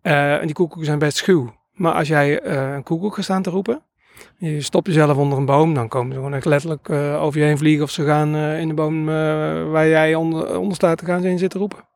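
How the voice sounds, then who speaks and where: A man's voice: fairly high pitch, fairly even intonation, brisk, vocal fry, no echo. A man who records nature sounds, telling stories in a casual interview and rambling hesitantly with many filler sounds.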